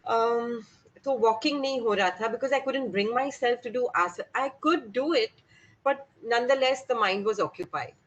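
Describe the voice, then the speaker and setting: A woman's voice: a little high, fairly quick, dull audio. A middle-aged woman, sharing informally in a group session and slipping between English and Hindi.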